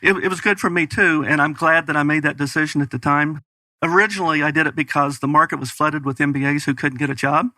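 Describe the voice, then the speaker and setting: A man's voice: fairly high pitch, steady tone, quick pace, pushed and bright, dry recording, poor audio. A middle-aged man with a West Virginia Appalachian accent, answering conversationally as an interview guest. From West Virginia, United States. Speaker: guest, business strategy consultant.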